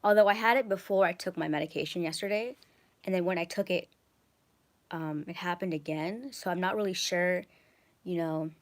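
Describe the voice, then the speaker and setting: Wandering her large house with her phone camera at arm's length, a young woman vlogs a casual rant at normal speed. Her voice, a little low for a woman, is hoarse and raspy from acid reflux, and she rambles with lots of ums and likes while swearing freely.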